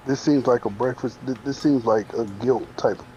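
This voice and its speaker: A man's voice: medium pitch, normal speed, warm tone. A man playing a tabletop game, talking in a teasing drawl. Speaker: player. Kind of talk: casual tabletop play. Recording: dull lo-fi audio with faint noise.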